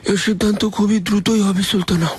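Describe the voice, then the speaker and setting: A deferential palace servant. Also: male voice, high-pitched, steady tone, quick pace, darkish tone, slightly rough. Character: scheming palace servant reporting to a sultana. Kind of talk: dubbed TV drama. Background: music.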